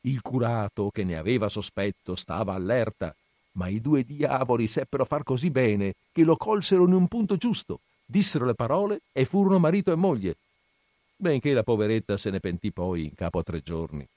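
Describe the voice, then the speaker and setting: A man's voice: mid-range voice, lively intonation, mellow, no room sound, voice pushed up, close to an everyday voice. A man reading aloud and voicing a shrewd, talkative middle-aged peasant mother who argues insistently and takes offence easily. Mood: persuading. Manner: insistent, persuasive, quick to take offence.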